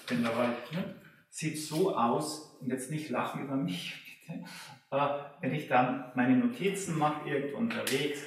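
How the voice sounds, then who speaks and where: A man's voice: medium pitch, distant mic, slight background noise. Man lecturing in a very echoey room. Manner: thoughtful, searching, asks rhetorical questions. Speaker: anthroposophy teacher. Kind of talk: spoken lecture on spiritual exercises.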